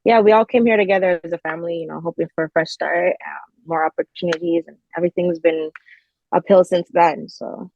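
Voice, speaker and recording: Speaking briskly in a lowish, gravelly voice with a steady tone, this fashion designer in her twenties is a podcast guest, originally from Nigeria but raised mostly in Canada. The recording is muffled, without echo.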